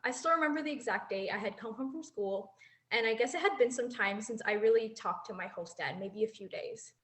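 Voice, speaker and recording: Speaking into a handheld microphone, a former exchange student in her twenties gives a prepared talk that is earnest and reflective. Her voice runs a little high, brisk and somewhat bright, and she laughs lightly at times.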